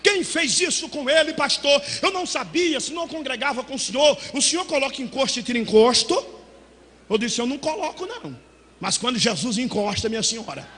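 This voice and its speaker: Man pastor, very high voice, fervent shouting sermon, echoey church hall. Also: lively intonation, a little fast, slight background noise. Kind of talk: storytelling sermon.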